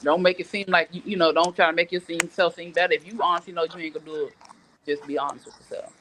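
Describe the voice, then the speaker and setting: Over crowd noise on a low-quality recording, a middle-aged morning-show host talks fast in a fairly low, steady voice. Her casual live segment mixes viewer comments and personal stories with frank, emphatic advice, all delivered conversationally.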